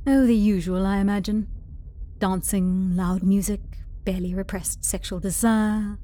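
A woman playing a wry, teasing companion sharing a quiet drink in an audio drama. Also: medium pitch, fairly even intonation, moderate pace, lightly acted. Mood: wry amusement.

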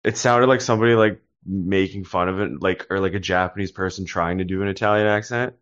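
Deep-voiced guy chatting, chill, kinda muffled lo-fi audio. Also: steady tone, fairly quick, a bit bright. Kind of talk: casual chat. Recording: dull lo-fi sound.

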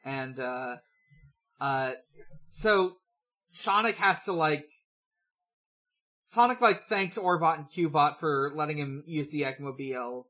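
A podcast co-host recapping episodes in casual chat, halting and restarting often. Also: mid-range voice, pushed and bright.

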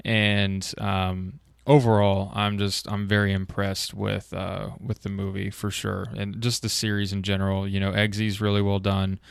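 A man's voice: on the low side, monotone, normal speed, gravelly, hardly any pauses, smooth, no room sound, studio quality. A man hosting a casual film chat, rambling with lots of fillers and swearing when he gets worked up.

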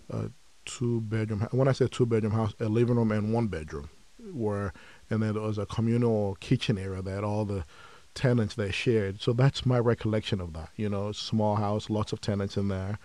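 A man from Nigeria, a podcast guest, telling his story in a measured, reflective way with frequent pauses. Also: on the low side, steady tone, mellow. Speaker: podcast guest, company founder. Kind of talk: conversational interview.

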